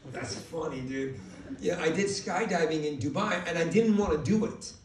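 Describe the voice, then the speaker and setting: A male stand-up comedian doing loud, animated crowd work, acting out voices. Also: fairly high pitch, normal speed. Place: large theater with live audience. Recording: roomy hall audio from far off, crowd laughter.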